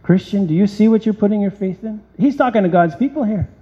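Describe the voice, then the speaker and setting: A man preaching a sermon, reading scripture aloud and firing off rhetorical questions with animated emphasis. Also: sits high, quick pace. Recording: dull lo-fi sound with long hall reverb.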